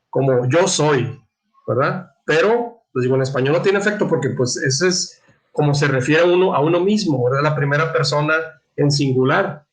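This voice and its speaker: A man leads a Bible lesson in a fairly high voice. He talks in a halting way, repeating words and often clearing his throat. He checks in with his students as he explains. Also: rough recording. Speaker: catechism teacher. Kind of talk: Bible class lecture, reading and explaining.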